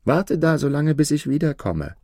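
A man's voice: on the high side, sing-song, normal speed, vocal fry, mellow, slightly rough, no echo, studio quality, pitched above the performer's own voice, full character voice. A man as a cunning, commanding fiddler. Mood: coaxing commands.

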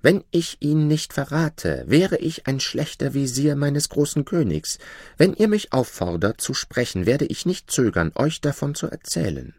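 Man voicing a sly envious vizier, fawning and insistent, lively lines, dry sound. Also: mid-range voice, a little slow, no echo. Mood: flattering. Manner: flattering, insistent. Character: scheming envious male vizier, smooth-tongued.

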